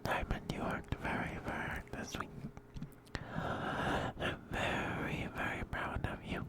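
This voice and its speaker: A man streamer whispering slow, repetitive soothing praise to a viewer in an ASMR style, close to the microphone. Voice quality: whispered, breathy.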